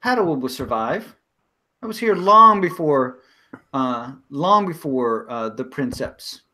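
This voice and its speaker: A man voicing a shrewd older village medicine woman in a tabletop game, talking haltingly with many pauses and a lecturing tone. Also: medium pitch, animated, bright, forceful tone, heavily acted. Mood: scornful. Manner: halting, full of ums, lecturing.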